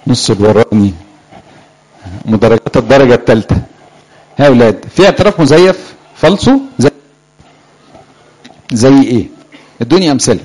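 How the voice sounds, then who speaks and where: A man's voice: mid-range voice, a little fast, pauses often, a little mellow, poor audio. A man with an Egyptian Arabic accent preaching a sermon to young people in a church, often putting questions to the crowd and lifting or dropping his voice for emphasis. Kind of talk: sermon to a live congregation.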